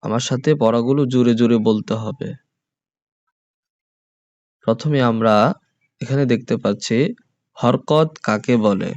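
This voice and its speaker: A man teaching Quran reading, slowly spelling out syllables and repeating each one in a measured drill. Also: medium pitch, darkish tone, no echo. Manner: measured, deliberate delivery. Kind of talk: slow spelled-out recitation lesson. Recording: dull dry lo-fi recording.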